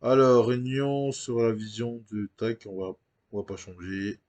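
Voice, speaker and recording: A man's voice: mid-range voice, measured pace, a little mellow. A man hosting his gaming channel, chatting casually over a football management game and thinking aloud with frequent hesitations.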